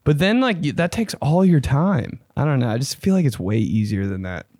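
Male, frat-bro delivery with lots of slang and swearing, lively varied pitch, dry close sound, comedic advice host. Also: brisk, no room sound. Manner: frat-bro talk, slangy with "bro", "dude", "man"; profane, blunt. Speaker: host giving love advice. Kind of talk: casual comedic chat.

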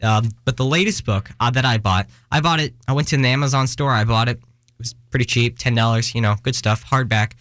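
A man's voice: medium pitch, fairly quick, fairly bright tone, no echo. A young man hosting a casual solo podcast, rambling with many restarts and joking at his own expense. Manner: rambling, self-deprecating, restarts and fillers, runs out of breath. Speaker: podcast host. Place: Washington, US.

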